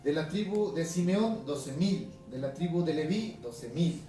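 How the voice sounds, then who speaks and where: A male pastor from Ecuador with a highland Ecuadorian accent, preaching a conversational sermon, reading scripture aloud and often asking his listeners questions. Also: lively intonation, measured pace, mellow. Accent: Ecuadorian highland Spanish. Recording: echoey room from a distance, music behind.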